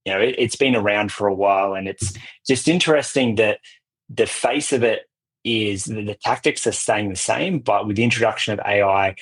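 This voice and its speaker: A middle-aged Australian man with a somewhat low, husky voice talks freely as a podcast guest. He often trips over and repeats his opening words before a long, rambling explanation comes out. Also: moderate pace, a bit bright, poor audio. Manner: talkative, many restarts and repeated words. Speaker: guest, cybersecurity vendor executive. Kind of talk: conversational podcast interview.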